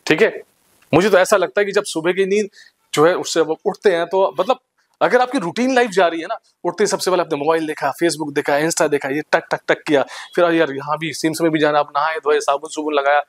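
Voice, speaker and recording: Energetic teasing man speaking at a seminar. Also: a little high, brisk. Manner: energetic, teasing, bossy with the crowd. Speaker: motivational speaker. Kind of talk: live seminar talk to students. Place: institute seminar hall with live audience.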